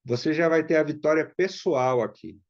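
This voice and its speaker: A man teaching an online workshop in a casual, conversational way, often checking in with quick tag questions. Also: a little high, no room sound. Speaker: workshop instructor. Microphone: online call mic. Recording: dull, dry lo-fi sound.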